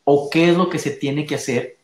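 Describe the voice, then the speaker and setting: A man with a fairly high, steady voice hosts a Q&A chat at a normal pace, reading listener questions in a relaxed way and sometimes restarting as he sets them up. The room sounds spacious and echoey.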